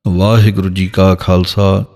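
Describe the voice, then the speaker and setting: Slow, deliberate man teaching. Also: low voice, flat delivery, darkish tone, in a large hall. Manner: slow, deliberate, sounds words out syllable by syllable. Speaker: teacher of scripture pronunciation. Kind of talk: instructional lesson.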